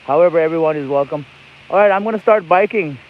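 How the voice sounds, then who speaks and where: Streaming live on his phone from an e-bike outside, this man from Nepal rambles along in cheerful, casual chat. He talks fast, in a voice on the high side. Heavy outdoor noise fills the lo-fi stream.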